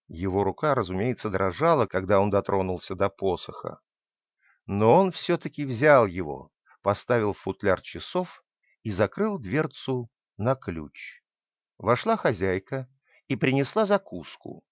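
Man reading a story with a lively voice. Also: mid-range voice, no room sound, lo-fi sound. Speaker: narrator.

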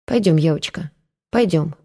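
A woman voicing a gentle, protective man speaking softly and tenderly in an audiobook. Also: low-pitched, expressive, normal speed, creaky, exaggerated voice. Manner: soft, tender.

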